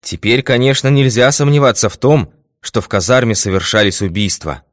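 A man's voice: medium pitch, expressive, fairly quick, no room sound, studio quality, voice pushed up, lightly acted. A man reading the lines of a puzzled, careful male army doctor in a storybook tale.

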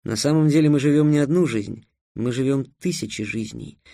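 A man voicing an earnest, cautious young hero, speaking low and subdued. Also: brisk, mellow, no echo, clean studio sound, natural voice.

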